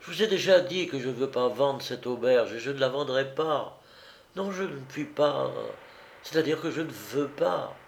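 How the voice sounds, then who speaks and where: A man reading an audiobook voicing a nervous, hesitant noblewoman who owns an inn, raising his voice high. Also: moderate pace, vocal fry, slight background noise, natural voice. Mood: agitated. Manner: agitated, hesitant, high-strung. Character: fretful noble landlady, middle-aged woman.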